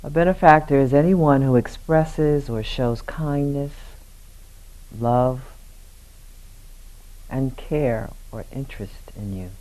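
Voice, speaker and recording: A man with a medium-pitched voice leads a guided meditation as a teacher. His delivery is gentle and unhurried, built from short phrases and long pauses, and it's captured on a low-quality recording.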